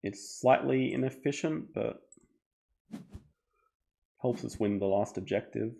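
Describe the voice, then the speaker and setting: A man streaming a board game live, thinking aloud in a relaxed, chatty way. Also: mid-range voice, slow pace, vocal fry. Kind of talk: casual live game commentary.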